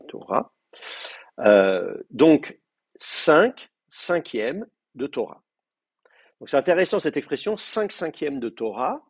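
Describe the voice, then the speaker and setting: A man's voice: medium pitch, creaky, breathy edge, no room sound. A man lecturing to a class, explaining terms patiently and thinking aloud with frequent hesitations. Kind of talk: university lecture.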